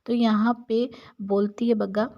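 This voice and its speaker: A woman's voice: medium pitch, level tone, unhurried, mellow, highs cut off. A woman narrating a casual, opinionated recap of a TV show episode in a chatty storytelling manner.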